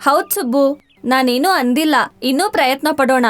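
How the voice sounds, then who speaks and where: A woman's voice: sits high, normal speed, no echo, lightly acted. An actress playing a strong-willed young wife who lectures and teases her husband. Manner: bossy, lecturing, teasing. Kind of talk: TV drama acting.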